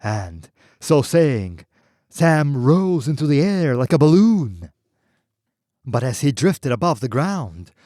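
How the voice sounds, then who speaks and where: A male audiobook narrator reading slowly and expressively, his pitch moving widely through each sentence. The sound is dry and close, with no room around it. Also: warm tone, no room sound.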